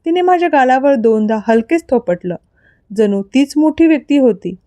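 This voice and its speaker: A woman narrates a dramatic story with expressive storytelling. Her voice is fairly high and warm. The sound is close and dry. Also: moderate pace, no echo. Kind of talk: scripted narration of an audio story.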